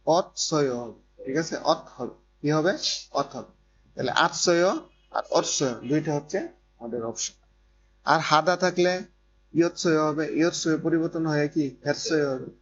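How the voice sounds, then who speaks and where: A man teaching a grammar lesson who keeps repeating points and asking if students follow. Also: on the high side. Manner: repeats points and checks understanding. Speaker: Korean language teacher. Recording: dull lo-fi recording with faint noise and hum.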